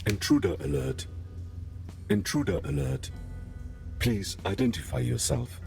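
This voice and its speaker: A man's voice: lowish voice, very animated, measured pace, vocal fry, a little mellow, soft background music, heavily acted. A man voicing a stern male security robot that guards a station and answers with rigid, repetitive rule-bound replies in a video game.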